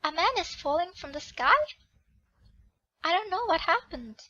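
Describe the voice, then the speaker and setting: Woman reading a dating game out loud as the heroine, fixes her own slips, high voice, dry lo-fi sound. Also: expressive, normal speed, dry recording. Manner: reads the heroine's lines, corrects herself aloud. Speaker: channel host reading a game. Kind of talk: live narration of a romance visual novel.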